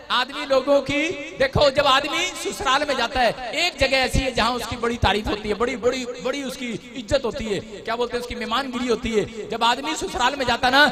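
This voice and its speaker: A man with a North Indian accent preaching a charismatic sermon with jokes to a responding congregation, swinging from chatty joking to shouted declarations. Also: extremely high pitch. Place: church service with responding congregation. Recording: live church hall with crowd responses.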